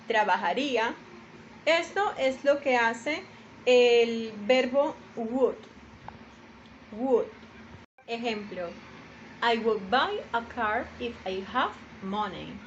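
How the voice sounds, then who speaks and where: A woman with a high voice delivers a careful lesson, repeating each example for her listeners. Her native language is Spanish. The recording is dull and lo-fi, with faint background noise. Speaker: English teacher. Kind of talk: slow explanatory lesson.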